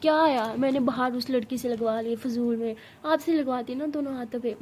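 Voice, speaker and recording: A woman's voice: normal speed, darkish tone, slight background noise. A woman telling a love story in a casual spoken way, acting out the characters' lines herself. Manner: acts out both girls' lines with rising pitch and force.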